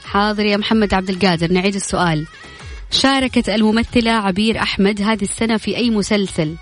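A woman's voice: medium pitch, fast. A woman with a Hijazi Saudi accent, presenting a live radio quiz in a chatty, informal way, talking straight to her listeners. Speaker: radio quiz show host. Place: radio studio. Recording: music running behind the voice. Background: music.

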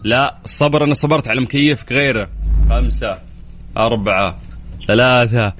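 A man's voice: medium pitch, steady tone, a bit bright, a little hiss or hum. A young man with a Saudi accent hosting a radio quiz call-in show, teasing callers playfully. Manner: teasing, playful, counts down quickly.

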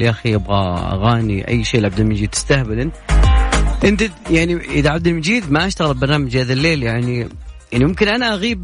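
A young man with a Saudi accent hosting a casual late-night radio call-in show, chatty and joking as he reads listener messages aloud. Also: fairly high pitch. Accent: Saudi Gulf Arabic. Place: radio studio. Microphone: studio microphone.

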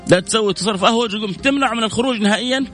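A man's voice: high voice, racing, fairly bright tone, faint music behind. A man hosting a radio call-in show, giving earnest family advice and reading out listener messages.

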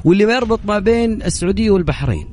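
Fast-talking Saudi radio host man. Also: sits high, expressive. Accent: Saudi Arabic. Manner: fast, jokey and chatty. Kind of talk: live radio quiz show with callers. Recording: radio studio with loud music bed.

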